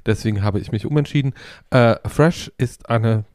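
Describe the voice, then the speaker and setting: A man in his fifties co-hosting a podcast, speaking in a relaxed, casual way with many hesitations. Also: medium pitch, moderate pace, no room sound, clean studio sound. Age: 50s. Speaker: podcast co-host. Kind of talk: casual chat.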